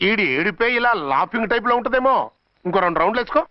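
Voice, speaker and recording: A man's voice: very high-pitched, quick pace, dry recording. An actor playing a sly henchman who makes wry, teasing remarks, in a film comedy scene. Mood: mocking. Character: sly male henchman, quick and mocking. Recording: dry, muffled film soundtrack.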